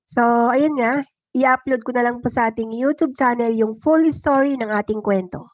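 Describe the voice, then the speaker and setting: Speaking at a moderate pace with a fairly high pitch, a Filipino-accented woman tells dramatic first-person stories and chats casually on her livestream, where she's the host. The audio is dull and has no echo.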